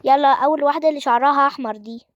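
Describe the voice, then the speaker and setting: A woman playing a new schoolteacher with an Egyptian accent, friendly at first but quick to lay down the law, in a voiced game role-play story. The voice sits high and moves along at a brisk clip. It is recorded close and dry. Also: dry recording, highs cut off, close to an everyday voice. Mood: friendly, firm. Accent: Egyptian Arabic. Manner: warm greetings with firm warnings.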